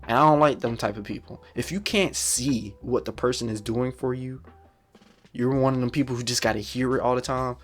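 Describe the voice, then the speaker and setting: A man's voice: mid-range voice, fairly even intonation, brisk, faint music behind. A man in his twenties hosting a solo podcast, talking bluntly in slangy, profane, repetitive casual speech. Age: 20s. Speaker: podcast host.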